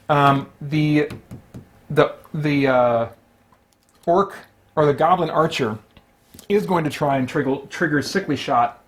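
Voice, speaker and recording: Playing solo on his tabletop gaming stream, a man with a slightly high voice keeps up casual running commentary. He talks through every move aloud as he figures out what to do.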